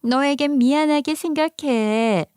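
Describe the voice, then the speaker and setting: A woman's voice: a little slow, a little mellow, dry recording, studio quality. A woman voicing a smug young woman who betrayed her friend, gloating and taunting in a raised voice. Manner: gloating, taunting, high-pitched.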